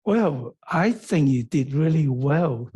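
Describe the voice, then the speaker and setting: A man leading an online tai chi class, giving calm, step-by-step movement cues. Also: a little high, husky. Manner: slow, calm, step-by-step cueing. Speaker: tai chi teacher and workshop leader.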